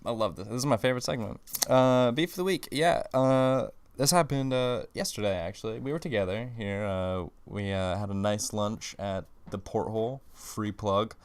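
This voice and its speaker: A man's voice: lowish voice, normal speed, few pauses, clean tone. A man co-hosting a casual podcast, telling stories in a rambling way full of fillers. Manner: rambling storytelling with many fillers. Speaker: podcast co-host.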